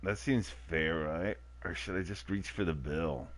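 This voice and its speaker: A man's voice: sits low, unhurried. A man streaming a dating game, making casual jokey and mock-outraged comments.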